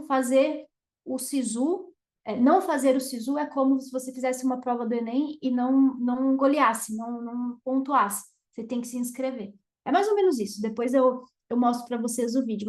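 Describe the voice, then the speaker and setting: Brazilian woman, communication coach, high bright-pitched voice, emphatic, plays with pauses and loudness, echoey room. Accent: Brazilian Portuguese. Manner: emphatic, varies volume and pauses on purpose. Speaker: communication mentor. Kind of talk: energetic teaching to camera.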